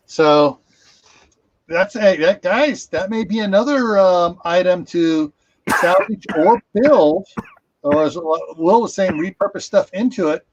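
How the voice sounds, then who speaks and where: A man's voice: high-pitched, slow pace, lo-fi sound, a little hiss or hum. A man hosting a casual livestream, rambling with many fillers and restarts, speaking over a video call. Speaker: livestream host.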